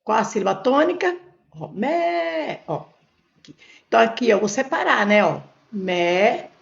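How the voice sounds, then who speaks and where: Preparing students for an exam, a Brazilian-accented woman works through Portuguese grammar on a board step by step, posing questions and answering them herself. She speaks fairly quickly in a slightly high, sing-song voice with vocal fry, captured in a dull, lo-fi, reverberant recording.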